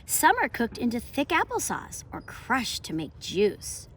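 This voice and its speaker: Reading a picture book aloud and presenting a lesson, a woman homeschool teacher addresses young children at a measured pace. She sounds emphatic and storybook-like, her pitch moving about in a lively way against faint ambient noise.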